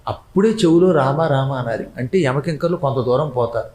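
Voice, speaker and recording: A man giving a devotional scripture discourse, telling stories animatedly, acting out the people he quotes and chanting verses slowly. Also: medium pitch, expressive, a little mellow, roomy sound, rough recording.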